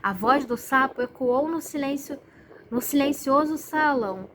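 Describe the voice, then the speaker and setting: A woman reading a children's fairy tale aloud, with a high, clear voice. Her storytelling is expressive and lively, and a faint hum of room sound sits behind her. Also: a little slow.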